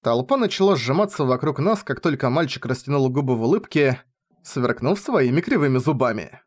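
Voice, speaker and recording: A man narrating a novel in the first person with an expressive, lively reading. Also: medium pitch, brisk. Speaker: audiobook reader.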